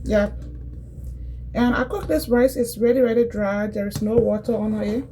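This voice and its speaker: A woman's voice: fairly high pitch, fairly even intonation, moderate pace, dark tone, slight background noise, poor audio. A woman from Liberia, casually demonstrating cooking in a home kitchen and chatting directly to her viewers, often repeating herself. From Liberia, West Africa. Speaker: cooking vlogger.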